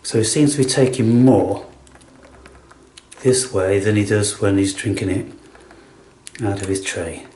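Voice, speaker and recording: A man's voice: on the low side, measured pace, long pauses, a little mellow. A man chatting casually to a pet in a coaxing, blokey way as he looks after it. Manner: coaxing, blokey, says "mate". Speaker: animal carer filming a home feeding. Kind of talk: casual murmured chat to a pet. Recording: echoey room, faint noise and clicks.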